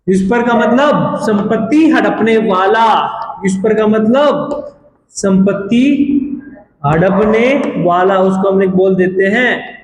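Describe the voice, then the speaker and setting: A man's voice: high-pitched, takes it slowly. A man teaching a vocabulary lesson, repeating each word and its meaning and asking the class to say it back. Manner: addresses students as "beta". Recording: echoey room with background noise.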